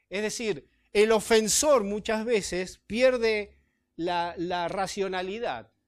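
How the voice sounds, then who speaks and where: A pastor preaches in church, his voice sitting fairly high for a man. He reads scripture aloud and explains it in an easy, conversational manner, often checking in with his congregation. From Chile. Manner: conversational, with tag questions to the congregation. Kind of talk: sermon.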